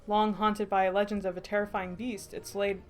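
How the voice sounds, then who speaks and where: A woman streamer narrating a story game aloud in a steady storytelling voice. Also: medium pitch, normal speed, soft background music.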